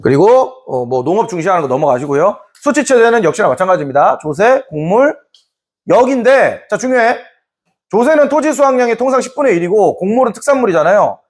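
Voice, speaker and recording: A man teaching a Korean history class in a lively way, now and then acting out short scenes in put-on voices. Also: high voice, a little fast. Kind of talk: classroom lecture.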